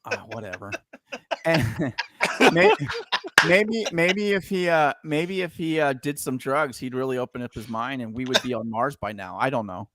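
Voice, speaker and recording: A man co-hosting a casual podcast, telling stories in an animated, profane way and laughing often. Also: medium pitch, moderate pace, noisy background. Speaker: podcast co-host. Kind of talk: casual banter.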